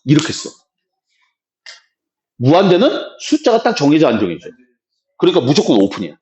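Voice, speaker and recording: Lively brusque male math teacher. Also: a little high, a little fast. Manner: brusque, checks for understanding. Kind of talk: lecture. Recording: echoey room.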